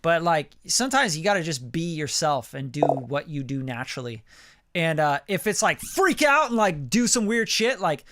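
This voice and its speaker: A man in his late thirties giving a casual live song critique as a music producer, animated and profane, full of "like" and "you know.". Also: fairly high pitch, moderate pace, dry recording, studio quality. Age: late 30s. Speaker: music producer reviewing listener songs.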